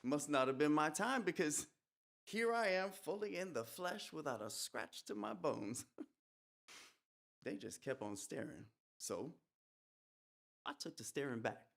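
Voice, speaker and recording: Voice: mid-range voice, very animated, measured pace, creaky, long pauses, fairly bright tone, exaggerated voice. A performer playing Junie, the eerie returned soldier. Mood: eerie folksy. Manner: folksy storytelling with rural dialect, whispered hisses. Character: young male soldier who has come back from death, calm and eerie. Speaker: stage performer. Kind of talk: dramatic monologue. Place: live event at an art museum.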